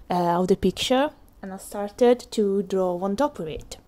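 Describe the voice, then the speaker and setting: A woman's voice: mid-range voice, a little mellow. A woman with a strong Italian accent, a native Italian speaker, narrating her drawing tutorial as a voice-over in a hesitant way, with many fillers. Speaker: illustrator.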